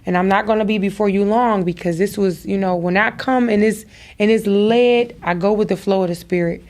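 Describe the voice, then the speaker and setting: Fairly quick and steady in tone, her medium-pitched voice a touch mellow, a podcast host with daughters speaks straight to her audience, preacher-style, stressing her motivational message through repetition.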